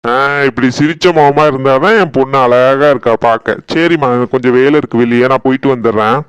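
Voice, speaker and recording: Man voicing a calm cartoon husband, tirunelveli tamil accent, clear smooth voice, sticks up for his wife. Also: mid-range voice, brisk, no echo, muffled recording, natural voice. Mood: soothing. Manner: soothing to his wife, firm with his mother. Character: young husband, gentle, defends his wife. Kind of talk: cartoon voice acting.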